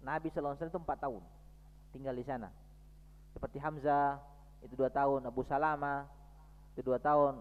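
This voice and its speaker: Man lecturing in an echoey mosque. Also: mid-range voice. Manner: lively lecturing, reads Arabic text then explains it. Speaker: preacher. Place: mosque hall. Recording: long hall reverb, dull lo-fi sound.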